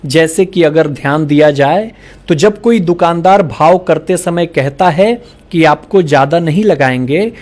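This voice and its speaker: High-voiced man telling rapid jokes. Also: a little mellow. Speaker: joke teller. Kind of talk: reading out a string of jokes.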